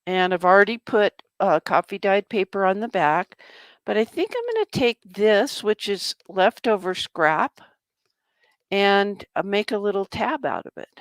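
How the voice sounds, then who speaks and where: A woman's voice: mid-range voice, big pitch swings, normal speed, no echo. A woman casually demonstrating a journal-making craft project, chatting to herself as she works. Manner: chatty, talks to herself while working. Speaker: craft vlogger.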